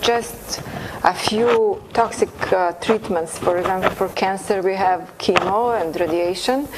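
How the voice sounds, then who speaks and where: A woman's voice: mid-range voice, unhurried. A young woman hosting a TV interview, hesitant and searching for words. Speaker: host. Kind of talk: TV studio interview. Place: TV studio set. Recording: studio with background noise.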